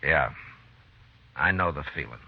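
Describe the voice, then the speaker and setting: An actor playing a steady, weary, fair-minded frontier marshal in an old-time radio western. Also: male voice, a bass voice, measured pace, vocal fry, noisy background, exaggerated voice. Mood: steady, resigned. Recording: dull old radio recording.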